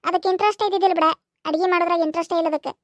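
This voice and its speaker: A woman's voice: very high-pitched, fairly even intonation, dry recording, studio quality. A woman with a North Karnataka accent, voicing chatty village characters for a cartoon comedy. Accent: North Karnataka Kannada. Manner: quick, chatty village banter. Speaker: cartoon voice artist.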